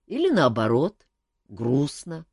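A tired, wisecracking male court jester, put on by a woman reading an audiobook. He bounces through lively, self-mocking banter with a low base voice. The room is dry and close. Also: slow, breathy edge, no room sound, exaggerated voice. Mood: wry, weary.

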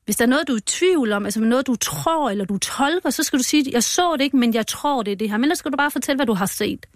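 High-voiced, moved woman recounting events. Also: lively intonation, no echo, clean studio sound. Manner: halting and emotional, many restarts. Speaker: interview guest. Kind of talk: personal account in a podcast interview.

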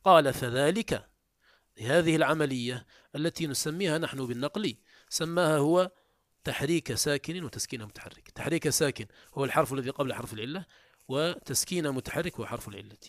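A man's voice: fairly high pitch, fairly quick, no echo, clean studio sound. A male teacher giving a recorded grammar lesson, explaining step by step and often repeating or restarting words.

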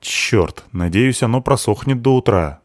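A man's voice: medium pitch, lively intonation, unhurried, no echo, clean studio sound. A man voicing a bitter, sarcastic seventeen-year-old schoolgirl in an audiobook. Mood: sardonic. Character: sullen sharp-tongued teenage girl, seventeen.

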